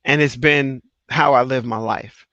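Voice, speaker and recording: A man's voice: mid-range voice, fairly even intonation, measured pace, pushed and bright, no room sound. Earnest middle-aged man telling his story. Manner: earnest, testimonial storytelling with emphatic repeats. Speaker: host. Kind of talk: casual interview talk. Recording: dry, slightly dull sound.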